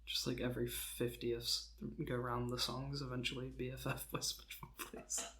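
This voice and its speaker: A young man co-hosting a podcast, joking deadpan in a rambling, casual way with plenty of filler words. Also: medium pitch, normal speed. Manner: rambling, deadpan jokes, frequent "um" and laughter. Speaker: podcast co-host. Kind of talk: casual comedic chat.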